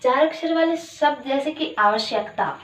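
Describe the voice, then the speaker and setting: High-voiced woman teaching Hindi grammar. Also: a bit bright, echoey room, recorded from a distance, a little hiss or hum. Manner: slow, drawn-out syllable-by-syllable pronunciation with repeated words; asks questions and answers them herself. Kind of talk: exam-prep grammar lesson.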